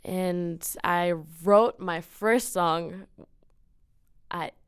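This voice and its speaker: A late-teens student singer-songwriter from Cancun, Mexico, speaks as a podcast guest, answering in an enthusiastic, earnest, casual way. Her voice is on the low side and extremely slow, with a clean tone and clean studio sound free of room echo.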